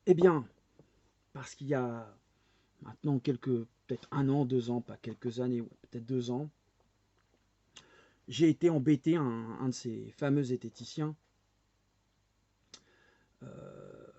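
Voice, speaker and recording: A man in his forties vlogs an angry monologue rant to camera, pressing his audience with one rhetorical question after another. He has a medium-pitched, mellow voice. The recording is dull, dry lo-fi with no room sound.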